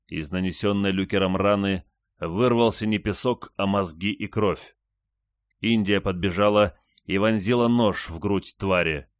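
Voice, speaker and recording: A man reading an audiobook in an even, measured narration. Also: lowish voice, dry recording, studio quality. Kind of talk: scripted narration.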